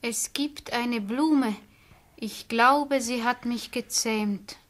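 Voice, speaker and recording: An earnest, curious little prince from a classic radio play, asking childlike questions in a fairly high, bright voice, as a woman plays the boy. Sincere and open in every line. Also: very slow.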